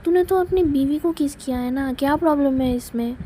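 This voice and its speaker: A woman's voice: sits high, brisk, mellow, slight background noise, close to an everyday voice, poor audio. A woman storyteller voicing Neha, a playful young woman who teases her best friend. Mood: teasing. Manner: teasing, playful.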